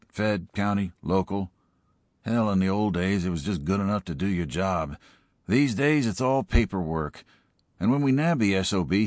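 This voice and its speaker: A man doing a gruff, weary small-town sheriff. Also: on the low side, no echo, studio quality, lightly acted. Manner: gruff, commanding.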